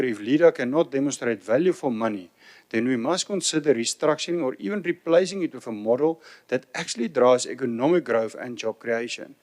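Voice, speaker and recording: A man's voice: medium pitch, darkish tone. A man with a South African accent giving a prepared, declamatory debate speech as an opposition legislator.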